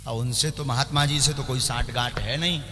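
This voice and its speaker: A man addresses a crowd of devotees, ordering them to sit and make way in a firm, blunt tone. His voice rings out through loudspeakers with a long trailing reverb. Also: medium pitch, fairly even intonation, a little fast, soft background music. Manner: commanding, directs the crowd bluntly. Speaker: spiritual leader addressing devotees. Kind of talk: religious court session before a crowd.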